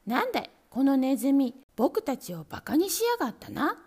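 A woman voicing a chorus of clever, greedy little kittens in a storybook, shouting high and quick. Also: big pitch swings, heavily acted. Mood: gleeful. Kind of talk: storybook reading.

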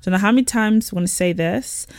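A woman's voice: medium pitch, fast talker, darkish tone, no echo, clean studio sound. A woman with a London accent co-hosting a casual podcast, chatting in slangy London street talk with teasing rants. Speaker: podcast co-host.

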